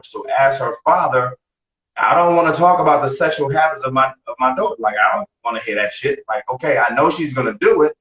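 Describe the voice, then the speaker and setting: A man's voice: mid-range voice, a bit bright. Blunt, profane man in his forties. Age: 40s. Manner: blunt, profane, repeats himself. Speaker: podcast co-host. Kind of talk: casual podcast chat. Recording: roomy, distant, dull lo-fi sound.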